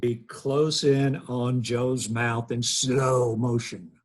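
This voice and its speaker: A man in his thirties reads scripted stage directions at a table read held over a video call, picked up by his computer. He speaks slowly at medium pitch with fairly even intonation.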